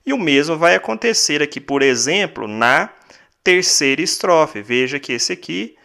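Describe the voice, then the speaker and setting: A man's voice: fairly high pitch, animated, moderate pace, gravelly, pushed and bright. A male teacher with a Brazilian Portuguese accent, explaining a lesson step by step, repeating key points and counting syllables aloud.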